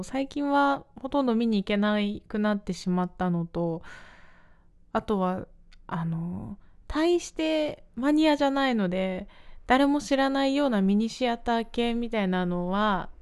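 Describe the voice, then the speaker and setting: A woman's voice: a little high, animated, normal speed, a little mellow, smooth. Woman rambling on her own little radio show, chatty, teasing herself. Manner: rambling, self-mocking, chatty. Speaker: host. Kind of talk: casual solo radio talk.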